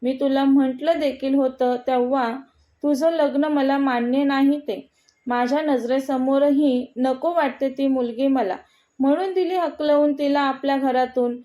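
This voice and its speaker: A woman's voice: sits high, fairly even intonation, a little slow, dark tone. A woman voicing a stern, domineering middle-aged mother who speaks bluntly and without apology. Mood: stern, dismissive. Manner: blunt and unapologetic.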